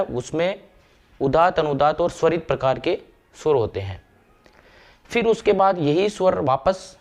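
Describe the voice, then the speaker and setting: A man's voice: fairly high pitch, a little mellow. Man teaching grammar. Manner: explains step by step, slows to recite verses and vowels. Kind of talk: classroom lecture.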